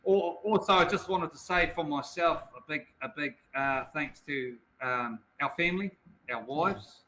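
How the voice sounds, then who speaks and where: A man with a New Zealand accent chatting informally as a guest, in a halting, repetitive way. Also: on the high side, bright, forceful tone, a little hiss or hum, rough recording. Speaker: speedway racer, show guest. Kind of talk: casual chat.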